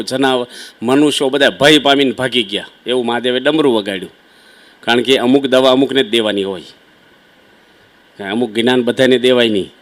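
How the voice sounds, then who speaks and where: ગુજરાતી ઉચ્ચારવાળા એક પુરુષ સ્વામી, ઘરગથ્થુ વાતચીતની શૈલીમાં શ્રોતાઓને સંબોધીને ભક્તિભાવભર્યું પ્રવચન આપે છે. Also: male voice, mid-range voice, a bit bright. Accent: Gujarati. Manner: conversational, folksy storytelling with asides to listeners. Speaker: swami preacher. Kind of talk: devotional sermon storytelling.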